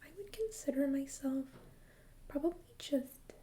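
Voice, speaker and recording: A woman in an ASMR role-play as a friendly, chatty librarian, speaking in a soft, breathy library soft voice with a gentle, hesitant conversational manner. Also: high voice, a little slow. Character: friendly, chatty female librarian recommending books.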